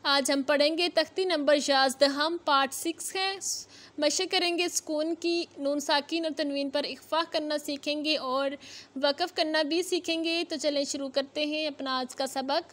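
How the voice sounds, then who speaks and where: A woman teaching a Quran reading lesson, spelling out syllables and drawing them out slowly, then explaining the rules briskly. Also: high voice, steady tone, a bit bright. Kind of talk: slow spelled-out tajweed lesson.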